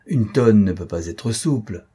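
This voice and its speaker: A man reading an audiobook, voicing a stern, sharp-tongued old dowager countess in a tart, dismissive manner. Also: lowish voice, lively intonation, unhurried, breathy edge, heavily acted.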